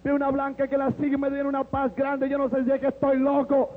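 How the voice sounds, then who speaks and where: A man telling his conversion testimony as a fervent, animated sermon. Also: extremely high pitch, fast. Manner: animated storytelling, acts out the voices. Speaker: preacher giving his testimony. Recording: echoey hall, phone-like lo-fi sound.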